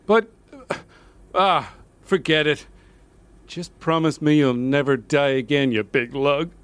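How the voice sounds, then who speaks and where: An actor playing a vain, flustered middle-aged lothario in a comedy audio drama, with a hammy delivery. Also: male voice, on the high side, unhurried, fairly bright tone, clean tone, no room sound. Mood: stunned, sentimental.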